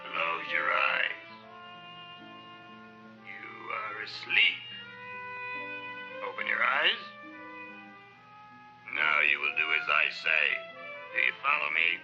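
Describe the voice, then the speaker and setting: An actor voicing a hungry, demanding talking plant in a 1960s comedy horror film, barking out commands. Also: male voice, low voice, huge pitch swings, slow pace, long pauses, exaggerated voice. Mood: commanding, hypnotic. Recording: dull old film soundtrack with music.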